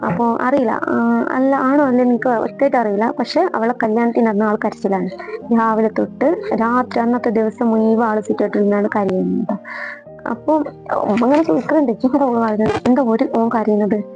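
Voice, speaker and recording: A woman's voice: fairly high pitch, a little fast, a little mellow. A woman, earnestly telling the story of her own marriage and often repeating herself. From Kerala. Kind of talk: emotional personal storytelling. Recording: dull lo-fi audio with faint music.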